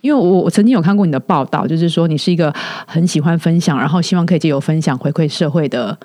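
A woman's voice: sits low, quick pace, warm tone, no echo, clean studio sound. A woman with a Taiwanese Mandarin accent hosting a podcast interview, chatty and admiring toward her guest. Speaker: podcast host. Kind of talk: casual interview chat.

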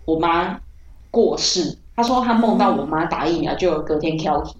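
Taiwanese woman podcast host, bouncy animated storytelling, laughs a lot, echoey room. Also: fairly low pitch, moderate pace. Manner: animated, laughs often, acts out quoted voices. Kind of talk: casual storytelling chat.

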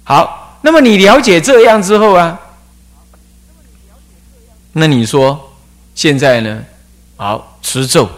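A man giving a Buddhist dharma talk as abbot, telling stories with lively rhetorical questions. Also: a little high, slow, pauses often. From Taiwan. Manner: animated storytelling with rhetorical questions.

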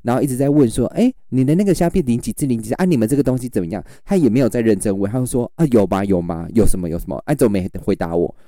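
Man, livestream seller, lively storytelling, dry close sound. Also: mid-range voice, very fast, hardly any pauses, no room sound. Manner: animated storyteller, acts out customers. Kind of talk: casual chat.

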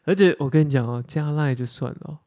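A man, co-hosting a podcast in casual chat, teasing his partner with quick interjections. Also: on the high side, darkish tone. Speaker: podcast co-host.

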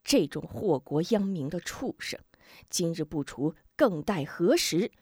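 A woman's voice: lowish voice, animated, measured pace, a little mellow, slightly rough, dry recording, full character voice. A woman voicing a fierce old beggar woman, a martial heroine who questions sternly and commands. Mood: grim resolve.

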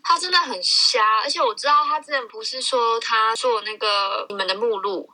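Woman, higher voice, very bright tone, teasing gossipy podcast chat. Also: normal speed, rough recording. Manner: chatty, laughs often, teasing. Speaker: podcast co-host.

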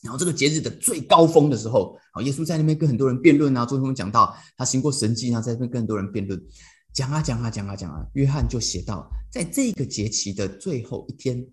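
A man with a Taiwanese Mandarin accent gives a casual devotional talk. His storytelling is playful and animated, and his pitch ranges widely. He slips English phrases in between the Mandarin. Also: quick pace. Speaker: devotional podcast host.

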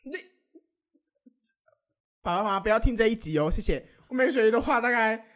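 A young man, co-hosting a podcast and telling stories in casual, animated chat. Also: high-pitched, fairly quick. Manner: animated storytelling, often laughing. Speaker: podcast co-host.

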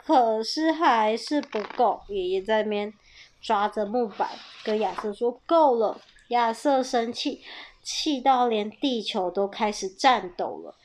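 A woman reads a picture book aloud to young listeners with playful, animated delivery. Her voice sits a little high, and she rises into loud bursts whenever a character shouts. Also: measured pace, a little hiss or hum. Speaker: storyteller reading a picture book to children.

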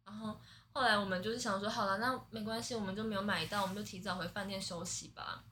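A young woman with a Taiwanese Mandarin accent, a podcast guest telling a story in animated casual chat, swinging between laughter and near-tears. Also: medium pitch, quick pace, slight background noise. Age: 20s.

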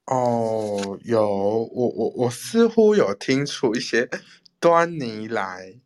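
A man's voice: medium pitch, expressive, slow pace. A male podcast host chatting casually, hesitant, often repeating words as he starts a sentence. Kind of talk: casual interview chat.

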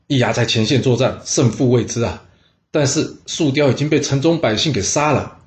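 A man's voice: mid-range voice, normal speed, natural voice. A man voicing a scheming male court official laying out a plan. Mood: urgent. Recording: roomy echo.

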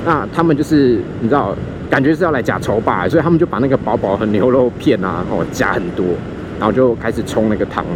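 A man with a Taiwanese Mandarin accent tells a story in a casual chat, animated and acting out the voices he quotes, while riding a scooter outdoors. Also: mid-range voice, fast. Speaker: podcast host. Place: outdoors on a motorbike in city traffic. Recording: faint street and vehicle noise.

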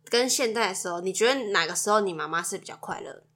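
A woman's voice: mid-range voice, lively intonation, fast, fairly bright tone. A woman co-hosting a casual chat, asking probing, teasing questions. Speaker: podcast co-host.

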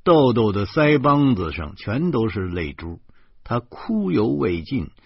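A deep male voice narrates an audiobook in the first person at an unhurried pace. His delivery is lively and rises and falls a lot. The sound is husky, dry and a little dull. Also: no echo. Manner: lively storytelling with dialogue.

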